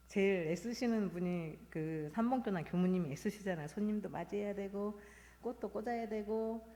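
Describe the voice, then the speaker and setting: Woman minister, 50s, halting reflective sermon, low mellow voice, long hall reverb. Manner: halting, reflective, personal storytelling. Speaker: Won Buddhist minister. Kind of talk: sermon talk at a Sunday service. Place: temple hall.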